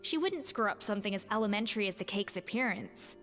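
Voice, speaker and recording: A woman's voice: medium pitch, expressive, fast, fairly bright tone, soft background music. A woman voicing a proud, elegant and exacting young female chef in a video game, poised and theatrical. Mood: assured.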